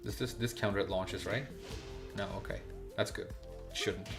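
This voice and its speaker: Over background music, a male streamer from Sweden talks in a low, steady voice during an unscripted livestream about a game. He keeps stumbling, restarting phrases while groping for words.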